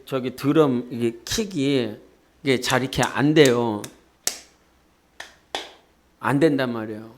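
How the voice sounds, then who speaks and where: A man preaching a sermon as pastor, talking directly to his congregation and leading them in shouted declarations. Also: mid-range voice. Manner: often asks the congregation "예?" and talks to them directly. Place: church sanctuary.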